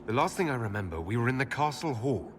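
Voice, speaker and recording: Man playing an earnest, expressive fantasy hero. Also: mid-range voice, fast talker, noisy background, lightly acted. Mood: puzzled. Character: serious, questioning male fantasy hero leader. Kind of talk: video game character acting.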